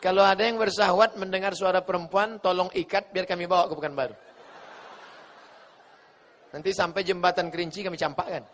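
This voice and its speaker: A male preacher gives an animated, joking sermon, acting out voices and chanting verses. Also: high voice, a little fast, pauses often, a little hiss or hum. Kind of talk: humorous sermon with Q&A. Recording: echoey hall.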